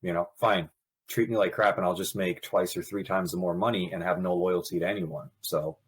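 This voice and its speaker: The same Pakistan-born, Brooklyn-raised nurse anesthetist in his thirties talks openly in a podcast interview, an animated storyteller who laughs quickly. This time his low-pitched voice carries a breathy edge.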